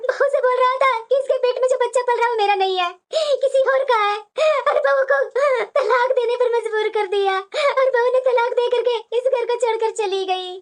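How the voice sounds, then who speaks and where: Woman acting an older mother, anxious, coaxing, cartoon story, very high voice. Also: moderate pace, few pauses. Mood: grieving. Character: worried older mother-in-law, soothing and fretful.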